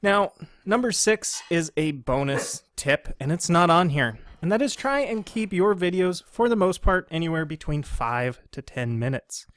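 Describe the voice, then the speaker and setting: A man hosting a training tutorial, speaking slowly and with careful, deliberate enunciation in a polished presenter voice. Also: a little high, very animated, a bit bright. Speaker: instructional video host.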